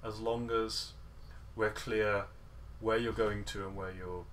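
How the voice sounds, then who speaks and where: A man's voice: fairly low pitch, little pitch movement, slow pace, a bit bright, slight background noise. Man coaching guitar, singing rhythms. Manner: sings rhythms with nonsense syllables; playful and encouraging, detail-focused. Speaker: guitar masterclass teacher. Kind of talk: online music lesson coaching. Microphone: video call.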